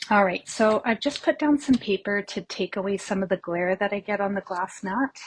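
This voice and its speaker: A woman's voice: mid-range voice, normal speed, husky, poor audio. A woman from Canada hosting a casual live papercraft tutorial from her home craft room, chatty and rambling, greeting viewers by name and slightly out of breath.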